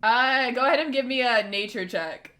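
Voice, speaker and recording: A woman's voice: fairly high pitch, normal speed, a bit bright. A woman running a tabletop game as game master, easygoing and hesitant with plenty of fillers.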